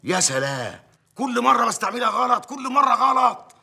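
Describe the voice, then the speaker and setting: An actor with an Egyptian accent playing a crude, tyrannical village mayor in a TV drama, barking threats. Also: male voice, a little high, big pitch swings, fast, sharp tone, breathy edge, full character voice. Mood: mocking. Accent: Egyptian Arabic. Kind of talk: TV drama acting.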